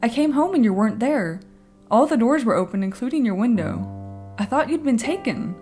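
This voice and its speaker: A woman's voice: on the high side, animated, a little fast, a little mellow, soft background music, pitched above the performer's own voice, close to an everyday voice. A woman doing an alarmed young roommate.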